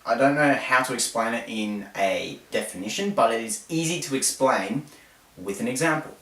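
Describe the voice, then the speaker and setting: A man's voice: medium pitch, moderate pace, slight background noise. Aussie guy doing a goofy explainer, rambly and self-mocking, sounds far off in an echoey room. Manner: playful, rambling, self-mocking, animated storytelling. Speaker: host. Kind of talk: jokey explainer monologue. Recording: roomy echo, distant mic.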